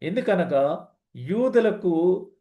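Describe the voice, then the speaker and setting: A man preaching a sermon, reading scripture and explaining it slowly, dropping in English words. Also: high-pitched, expressive, warm tone, reverberant.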